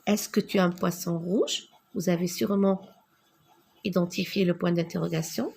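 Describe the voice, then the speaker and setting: A woman teaching a grammar lesson to children, patient and deliberate, spelling out each answer as she writes it. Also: on the low side, steady tone, vocal fry, a little mellow, husky. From North Africa. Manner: slow, patient, spells out answers while writing.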